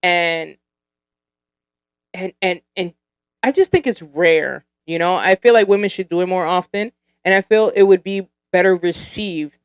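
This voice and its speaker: A woman's voice: fairly low pitch, measured pace, clear, resonant tone, no room sound, clean studio sound. A woman in her thirties hosting a solo podcast, chatting casually and giggling, with lots of fillers as she goes. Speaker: podcast host.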